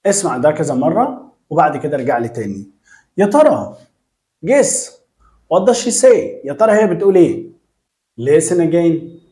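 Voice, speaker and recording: A man with an Egyptian Arabic accent teaching a beginner English lesson in a lively way, repeating phrases and drilling them aloud. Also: a little high, normal speed, roomy sound.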